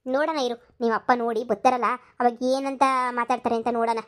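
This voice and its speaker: A woman voicing a village mother and wife in a cartoon comedy, talking quickly and anxiously. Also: a little high, flat delivery, lightly acted. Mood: gossiping.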